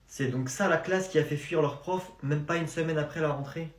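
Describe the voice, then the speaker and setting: A man's voice: on the high side, fairly quick, reverberant, heavy background noise. Man doing schoolroom sketch comedy. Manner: switches between stern teacher and cheeky pupils. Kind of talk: sketch comedy, playing teacher and pupils.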